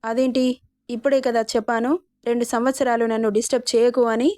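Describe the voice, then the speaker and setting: Defiant young woman student, read by a woman narrator; firm, even-toned, higher voice, dry. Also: fairly quick, no echo, lightly acted. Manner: firm, pleading.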